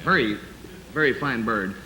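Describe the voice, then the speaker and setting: A man's voice: medium pitch, moderate pace, slight background noise. A man hosting a live 1950s TV broadcast game show, genial and rambling with frequent hesitations. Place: TV studio stage with live audience. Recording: old 1950s TV broadcast, echoey studio hall, loud audience and music.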